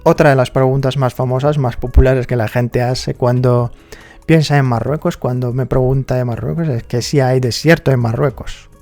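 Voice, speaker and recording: A Moroccan vlogger with a Moroccan accent chats casually, sprinkling in fillers like "digamos" and tag questions like "¿no?". His medium-pitched voice is gravelly and darkish, with fairly even intonation at normal speed, and faint music plays in the background.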